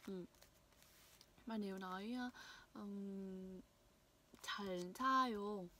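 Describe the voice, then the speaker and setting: A young woman from Vietnam giving a casual language lesson, repeating phrases slowly to demonstrate pronunciation. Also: medium pitch, pushed and bright. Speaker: language teacher. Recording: faint background noise.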